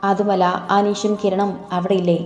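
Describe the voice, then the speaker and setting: A woman voicing a gentle, persuasive husband who calms his frightened wife. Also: sits high, moderate pace, lightly acted. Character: calm, reassuring husband. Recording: echoey room, soft music behind.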